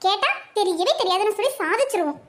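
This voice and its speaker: A woman's voice: very high-pitched, animated, fast talker, a bit bright, slight background noise. A woman voicing a scheming young cartoon housewife with a Kanyakumari Tamil accent, fretting and muttering to herself. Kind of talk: cartoon voice acting.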